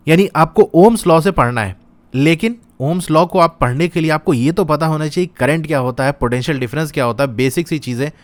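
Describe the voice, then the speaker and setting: A man's voice: a little high, dry recording. A young man teaching, walking students step by step through a syllabus and checking in with them often. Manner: explains step by step, checks in with "ठीक है". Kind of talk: syllabus walkthrough lesson.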